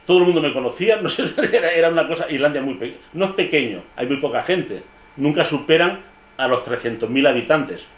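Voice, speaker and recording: A man's voice: on the high side, lively intonation, reverberant. An older man from Spain, a painter, tells stories about his book in a casual, digressive way, often restarting his sentences. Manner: digressive, halting, with frequent restarts and asides. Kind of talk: casual storytelling talk. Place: public library hall.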